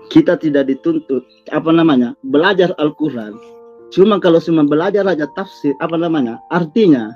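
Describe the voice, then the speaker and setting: Man, debate guest, higher voice, defensive, dull lo-fi sound. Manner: defensive, explaining at length. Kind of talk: heated debate.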